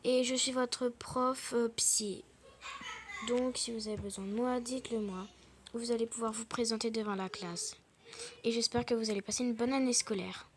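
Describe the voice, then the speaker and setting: A young female speaker playing a kind woman teacher at a school in a game role-play, louder and formal. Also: on the high side, steady tone, normal speed, slight background noise, lightly acted. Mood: welcoming.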